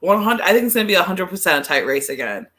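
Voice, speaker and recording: Guesting on a podcast for a relaxed sports chat, this soccer pundit has a lowish, bright voice with a forceful edge. She's very animated and talks fast, yet her opinions come out informally and tentatively, with frequent repetition of phrases.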